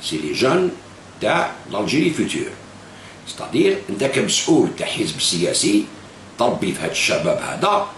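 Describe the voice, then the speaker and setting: A political video blogger with an Algerian Arabic accent speaks straight to camera, slipping into French and repeating phrases for emphasis. His voice is fairly low and fairly bright, and the room is echoey with a faint hiss.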